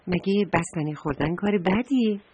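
A woman's voice: on the low side, breathy edge, highs cut off. Woman doing a curious kindly red brick. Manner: soft, surprised, questioning.

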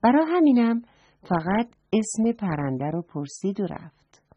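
A woman reading a children's story aloud and gently speaking to the children listening, on a dull lo-fi recording. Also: medium pitch, big pitch swings, breathy edge. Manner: gentle, addresses children directly.

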